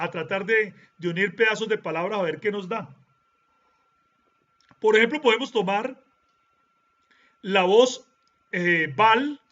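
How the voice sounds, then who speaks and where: High, bright-voiced man teaching. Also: lo-fi sound. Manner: deliberate, lecturing, checks in with rhetorical "¿sí?". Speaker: Bible teacher. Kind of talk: explanatory teaching monologue.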